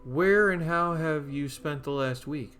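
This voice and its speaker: A man's voice: fairly high pitch, measured pace, a bit bright, faint music behind. A man voicing an FBI agent in a game, asking formal, polite questions. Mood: businesslike.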